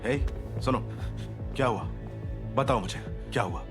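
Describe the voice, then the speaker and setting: A man's voice: mid-range voice, unhurried, lightly acted. A man dubbing a blunt, protective older brother who coaxes and presses in a drama. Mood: pressing. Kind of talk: dubbed drama. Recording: music clearly behind the voice.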